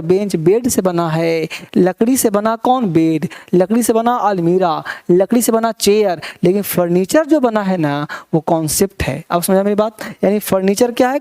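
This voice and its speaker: A middle-aged man teaching English grammar in a classroom, who keeps asking quick questions and mixes in English terms. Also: sits high, darkish tone, smooth. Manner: coaxing, asks many quick questions. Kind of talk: classroom lecture.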